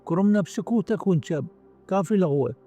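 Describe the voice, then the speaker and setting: A man's voice: high-pitched, animated, a little fast, mellow, soft background music. A man reading the part of a menacing male security agent who drives a car, sneering and threatening in an Iraqi accent. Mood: warning. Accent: Iraqi Arabic. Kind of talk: dramatic story reading.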